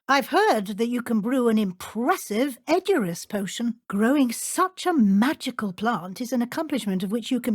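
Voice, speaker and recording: An actress playing a brisk, stern but encouraging middle-aged British witch professor in a video game, speaking formally and precisely. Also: a little high, no room sound, clean studio sound. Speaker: transfiguration teacher. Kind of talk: scripted video game dialogue.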